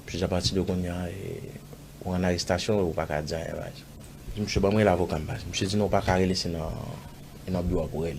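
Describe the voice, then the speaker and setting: A man's voice: low-pitched, steady tone, fairly quick, background noise. A man with a Haitian accent recounting a personal story in an interview, rambling and acting out the dialogue. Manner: rambling, acts out dialogue, pepper of "bah" and "man". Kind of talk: casual spoken storytelling.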